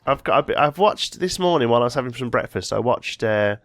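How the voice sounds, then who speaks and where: This is casual gameplay commentary from a man fighting a mild cold, who talks through his building and keeps fixing his sentences partway. He speaks fast and animatedly, with a mid-range, fairly bright tone. The sound is dry.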